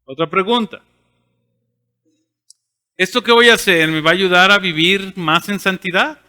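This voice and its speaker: A man's voice: high-pitched, a little slow, bright, forceful tone, big-room sound. A man preaching a sermon as pastor, asking rhetorical questions and answering them himself. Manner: asks rhetorical questions and voices imagined listeners. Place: church sanctuary.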